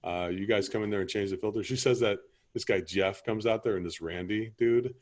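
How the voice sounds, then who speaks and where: Low-voiced man playing a rambling customer. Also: brisk. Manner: rambling, keeps asking "you see what I'm saying". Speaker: homeowner customer in a sales role-play. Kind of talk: improvised training role-play.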